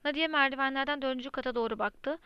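A woman reading a novel aloud as an audiobook narrator, in a steady, even storytelling manner. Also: sits high, fast, no echo. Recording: dry, slightly muffled lo-fi recording.

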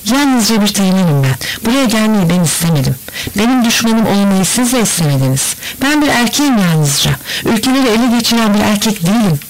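Man reading as young lieutenant, lonely, pleading, earnest, slightly high voice, audiobook. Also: big pitch swings, a little fast, low-quality recording. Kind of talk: audiobook character voice.

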